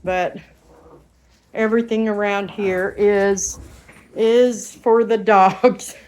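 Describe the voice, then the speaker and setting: Woman, unhurried drawl, chatty home vlog, living room, handheld camera. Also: mid-range voice, steady tone, a little mellow, a little hiss or hum. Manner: chatty and rambling, breaks off to scold her dogs. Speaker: dog breeder vlogging. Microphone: handheld camera or phone.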